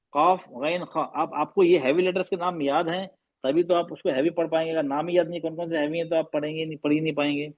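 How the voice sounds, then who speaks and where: A man's voice: fairly high pitch, no echo, dull audio. Patient male teacher on a dry call. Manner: patient, repeats and drills sounds; mixes English phrases into Hindi. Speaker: Arabic reading teacher. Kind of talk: online class lecture. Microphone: video call microphone.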